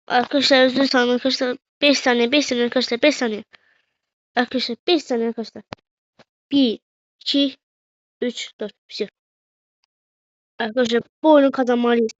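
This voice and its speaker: A woman's voice: fairly high pitch, no room sound, lo-fi sound. A woman commenting on her own mobile football game, groaning and cheering at each play. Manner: excitable, groaning and cheering at the match. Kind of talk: gameplay commentary.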